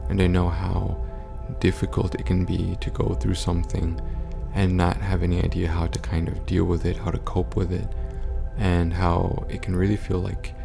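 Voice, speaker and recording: A man talking low and quietly, as in a sleeping house at night, in a monotone, stoic way for a casual vlog update. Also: moderate pace, gravelly, music in the background. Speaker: content creator.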